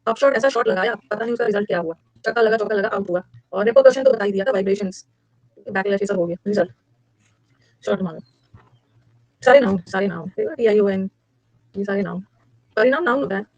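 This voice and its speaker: A woman teacher running a lively classroom lecture, drilling vocabulary with repetition and mnemonics. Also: fairly quick, long pauses, dry recording. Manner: energetic, repetitive, with sudden high-pitched emphasis. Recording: dull lo-fi dry recording.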